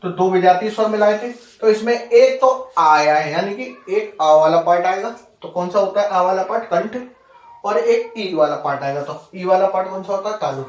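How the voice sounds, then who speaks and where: High-voiced man teaching in an echoey room. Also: moderate pace, recorded from a distance. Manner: repetitive, checking in often with rhetorical questions. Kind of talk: Hindi grammar lesson. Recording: roomy echo.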